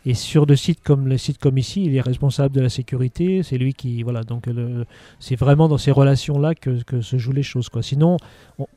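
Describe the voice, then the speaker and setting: This mid-range, dark-toned voice belongs to a middle-aged local official from Haute-Savoie, France, who manages outdoor sites. He talks fairly quickly, stumbling and restarting as he answers interview questions, with no room sound in the recording.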